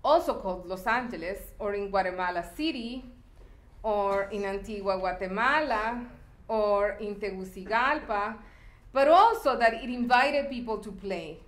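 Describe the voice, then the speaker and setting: A woman's voice: medium pitch, normal speed, a bit bright. Woman lecturing on her art, echoey hall. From El Salvador. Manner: reflective, with fillers and restarts. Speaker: artist giving a talk.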